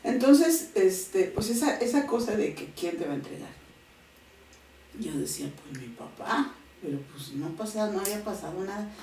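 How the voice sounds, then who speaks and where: A woman's voice: mid-range voice, normal speed, slight background noise. A woman in her thirties giving a heartfelt personal testimony in an interview, acting out what her family said. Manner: expressive storyteller, voices quoted family. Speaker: interview guest. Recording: echoey room, mic at a distance.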